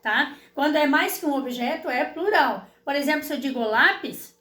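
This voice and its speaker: A woman's voice: sits high, expressive, normal speed, a bit bright, roomy sound. A woman teacher with a Brazilian Portuguese accent, patiently walking students through exercises and checking in with them often. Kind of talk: explaining school exercises to students.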